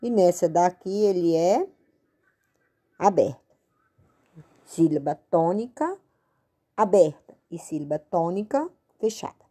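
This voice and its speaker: Slow, patient Brazilian woman teaching. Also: lowish voice, expressive, warm tone, breathy edge. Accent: Brazilian Portuguese. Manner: patient, spells and stretches words. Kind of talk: slow spoken-out lesson at a board.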